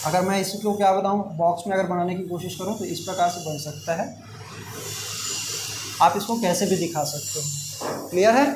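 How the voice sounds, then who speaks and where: A man's voice: sits high, moderate pace, long pauses. A middle-aged man teaching a math class, asking students questions and then giving the answers himself. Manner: call-and-response questioning. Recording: echoey classroom with faint hiss.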